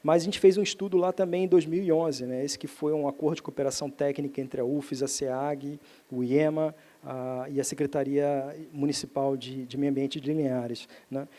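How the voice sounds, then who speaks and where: A man's voice: medium pitch, steady tone, normal speed, hardly any pauses, mellow. A man, a professor explaining water science at a seminar panel, often tagging sentences with "né?". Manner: explanatory, frequent "né?" tag questions, some restarts. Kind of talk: technical talk on lake pollution. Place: seminar auditorium.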